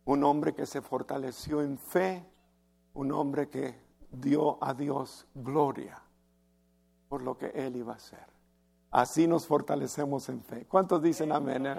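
A man's voice: mid-range voice, steady tone, slow pace, a little mellow. A man preaching an impassioned sermon, often addressing listeners as brother and acting out the voices in the stories he tells. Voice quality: gravelly, husky voice. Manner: impassioned preaching, calls listeners "hermano", acts out quotes. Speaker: pastor.

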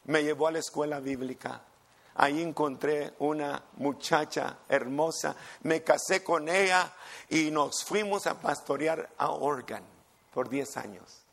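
Slow, gravelly older preacher. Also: male voice, fairly high pitch, a bit bright. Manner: emphatic, storytelling preacher. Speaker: pastor. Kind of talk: sermon storytelling.

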